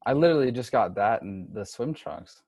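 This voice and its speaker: A man's voice: medium pitch, lively intonation, a little fast, dull audio, a crowd in the background. A man with a Minnesotan accent telling stories in a laid-back, slangy way on a casual podcast.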